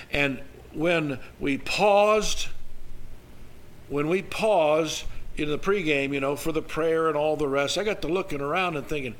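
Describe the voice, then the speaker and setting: A man speaks as a preacher telling a story. His voice is slightly high and clearly bright and forceful. The delivery is folksy and animated, with halting restarts as he works through each thought. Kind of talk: sermon storytelling, conversational.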